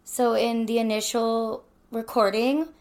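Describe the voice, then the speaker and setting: A woman's voice: on the high side, flat delivery, a little slow, a little mellow. A woman hosting a casual, chatty conversational interview, recorded indoors in a wooden cabin. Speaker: podcast host, interviewer.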